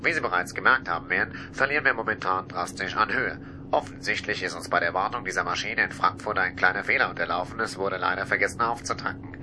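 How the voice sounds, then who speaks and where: A calm, formal airline captain, played by a man reading out a cabin announcement in a comedy audio sketch. His voice is deep and quick, and clear noise sits under it. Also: lightly acted. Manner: formal, matter-of-fact announcer tone.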